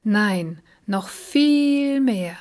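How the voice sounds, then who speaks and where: A woman's voice: mid-range voice, expressive, drawn-out words, a little mellow. A woman voicing a playful, cheerful talking cat in a storybook reading, chiming in eagerly.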